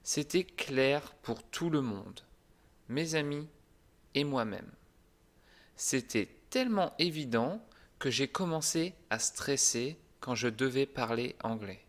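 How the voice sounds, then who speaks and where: A man teaching a language lesson in a calm, deliberate, clearly articulated way. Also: medium pitch. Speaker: French teacher.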